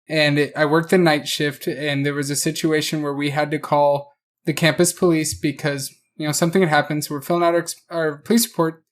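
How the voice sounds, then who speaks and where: A man co-hosting a podcast, telling a personal story in an animated, laughing way. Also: on the high side, fairly quick. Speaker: podcast co-host. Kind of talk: casual podcast chat, telling an anecdote.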